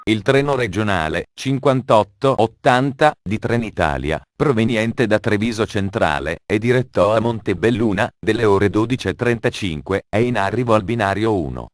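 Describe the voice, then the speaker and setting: Low-voiced man making train station announcements. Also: expressive, no room sound, clean studio sound. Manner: formal, measured automated announcement delivery.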